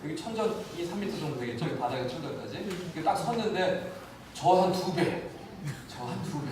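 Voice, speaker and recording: Animated Korean pastor in echoey church. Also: male voice, a little high, fairly quick. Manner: animated preaching, acts out voices of the people and God. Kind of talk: sermon. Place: church sanctuary. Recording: very echoey church hall, mic from a distance, faint noise.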